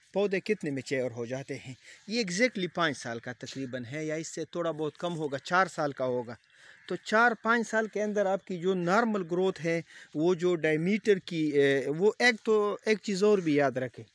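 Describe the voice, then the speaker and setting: A man from Pakistan with a fairly high voice talks outdoors among poplar trees. He explains like a farm advisor, stopping often on hesitation fillers as he points things out. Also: dry recording. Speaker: agriculture advisor.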